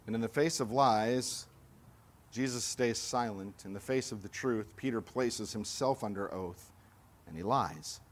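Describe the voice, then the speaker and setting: A man from California preaching a sermon, moving between loud, emphatic lines and quiet, low asides, and acting out accusers' voices. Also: a little slow, a little hiss or hum. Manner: acts out accusers' lines with raised voice. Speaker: pastor.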